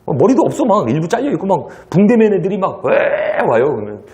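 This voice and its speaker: A man teaching a lecture class, his voice sitting a little high and leaping all over in pitch. He acts out little scenes with sound effects. He keeps checking in with his students through rhetorical questions. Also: quick pace. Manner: animated storytelling with sound effects and acted dialogue. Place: lecture hall.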